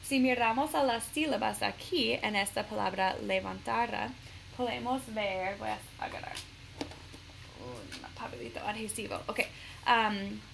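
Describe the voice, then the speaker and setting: Slow, gravelly-voiced woman teacher. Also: mid-range voice, expressive, fairly bright tone, a little hiss or hum, low-quality recording. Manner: slow, careful explanations with fillers. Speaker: Spanish teacher. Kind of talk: reading a storybook aloud and explaining grammar.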